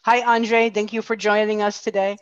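A woman's voice: medium pitch, level tone, normal speed, smooth, dry recording. A middle-aged woman co-hosting a casual chat over a video call with a headset, talking in a friendly way with lots of fillers. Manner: chatty, friendly, filler-heavy. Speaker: co-host. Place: home room. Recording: dull, dry video call audio.

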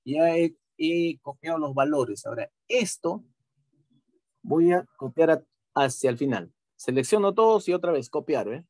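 Man, teacher, online lesson, patient, repeats steps, tag questions, slightly high voice, dry sound. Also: expressive, a little slow, darkish tone, no echo. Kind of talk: online class software tutorial.

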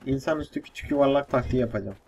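A young man giving casual let's-play commentary, excitable and swearing, with frustrated outbursts. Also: mid-range voice, rapid-fire, slight background noise. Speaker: gaming YouTuber.

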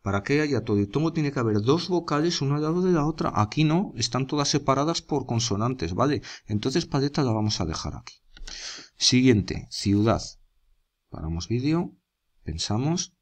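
A man's voice: mid-range voice, animated, normal speed. A man with a Spanish accent from Spain, teaching a grammar lesson step by step and stopping often to check that his students follow. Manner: explains step by step, checks in with students, writes while talking.

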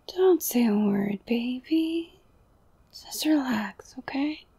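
Slow, husky whispering young woman. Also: high voice, animated, no room sound. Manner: intimate close whisper, slow and soothing; softly domineering, coaxing. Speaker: audio roleplay performer. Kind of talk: whispered ASMR girlfriend roleplay.

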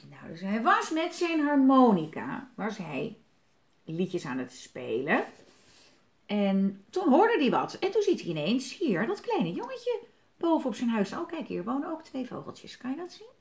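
In a reverberant space, a woman with a voice on the high side reads a picture book aloud to children at a slightly slow pace. She's lively and chatty, stopping between pages to ask the kids questions.

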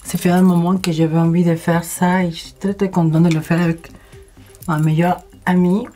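A woman beauty vlogger talking viewers through a makeup tutorial in a casual, chatty and energetic way, speaking straight to her audience. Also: on the low side, moderate pace, soft background music. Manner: addresses viewers directly.

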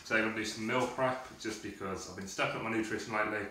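A man's voice: on the low side, fairly even intonation, racing, sharp tone. A young man chatting casually through a video diary in his small home kitchen, rambling with lots of fillers, picked up by a camera across the room. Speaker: fitness vlogger. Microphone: camera mic from across the room. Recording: echoey kitchen, camera far off, noisy.

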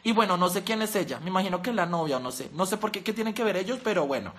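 A young woman with a Colombian accent doing a casual reaction commentary, chatty and teasing, full of slang and quick laughs. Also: mid-range voice, animated, a bit bright. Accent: Colombian Spanish. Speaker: youtuber.

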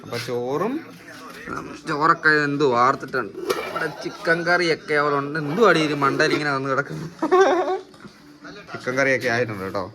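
A man's voice: fairly high pitch, brisk, noisy background. A man filming a casual family vlog at home, chatting to his viewers as guys and often tagging his lines with "you know.". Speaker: family vlogger.

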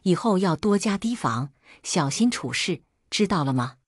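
A woman's voice: lowish voice, lively intonation, normal speed, breathy edge, no echo, clean studio sound. A woman voicing a stern male magistrate who hands down judgments in a commanding, lecturing way.

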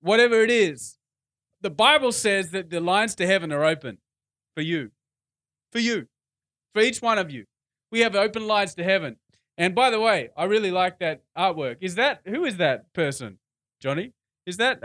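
Male pastor, high voice, casual preaching style that repeats phrases to drive points home. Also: animated, moderate pace, pauses often, a bit bright. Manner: conversational, repeats phrases for emphasis. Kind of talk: sermon. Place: church.

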